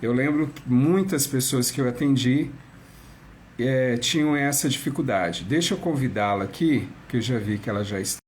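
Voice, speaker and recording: A man from Brazil chats through a casual interview he's streaming live from a phone, often backing up to repeat or restart. The mid-range voice moves at a moderate pace, with a touch of hiss or hum.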